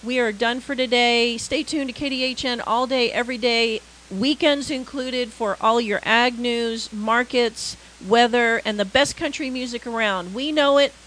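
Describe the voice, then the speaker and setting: A woman co-hosting a morning farm radio show, chatty and quick to exclaim and laugh. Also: fairly high pitch, a bit bright, slight background noise, poor audio. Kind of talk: casual on-air chat. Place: radio studio.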